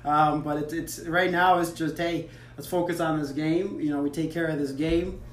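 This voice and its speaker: A man's voice: on the high side, steady tone, normal speed. A man in his thirties, from Africa, chatting easily as a soccer player in a casual interview, with many "you know" fillers. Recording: roomy, distant mic with faint noise.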